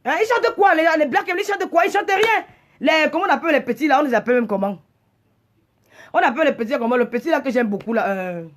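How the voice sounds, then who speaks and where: Agitated female livestream host, very high pitch, indignant scolding delivery with stammered repeats. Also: expressive, quick pace. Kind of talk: heated live rant.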